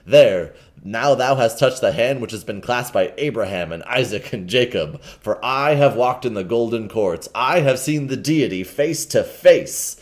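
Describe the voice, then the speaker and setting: A man's voice: mid-range voice, expressive, measured pace, hardly any pauses, natural voice. A man voicing an unhinged old male hermit monk who preaches in solemn archaic speech and swings into bitter rage. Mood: awed.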